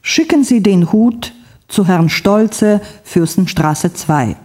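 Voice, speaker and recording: A woman reading the part of a polite friend who agrees mildly while quietly scheming. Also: medium pitch, animated, slow. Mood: sly.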